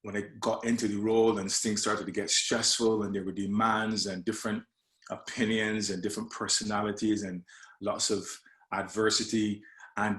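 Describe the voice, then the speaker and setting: A man's voice: fairly low pitch, fairly bright tone. Man, roomy sound. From Barbados. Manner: friendly, hesitant, many fillers and restarts. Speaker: life coach presenting a leadership talk. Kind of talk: presentation with slides.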